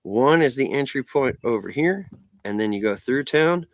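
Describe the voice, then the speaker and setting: A man's voice: mid-range voice, lively intonation, normal speed, no echo, clean studio sound. An American man, stoned, rambles casually on a livestream in a meandering, slangy stoner manner. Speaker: livestream vlogger.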